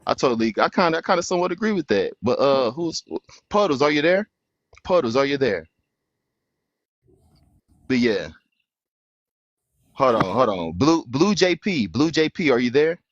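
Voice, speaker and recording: A man's voice: medium pitch, big pitch swings, moderate pace, long pauses, no echo. A young man hosting a livestream panel, talking casually and argumentatively, full of slang and "bro". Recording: dull lo-fi stream audio.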